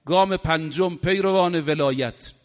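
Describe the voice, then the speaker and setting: Man preaching a sermon, fairly high voice, rhetorical and fervent, long hall reverb. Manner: rhetorical, builds to fervent high-pitched peaks. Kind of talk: religious sermon with mourning recitation.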